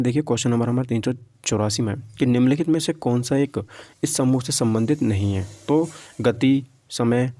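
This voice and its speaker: A warm, medium-pitched man prepares students for a physics exam in an informal lecture, reading out questions and walking through them. He repeats himself often and checks whether listeners follow, on a dry, studio-quality recording.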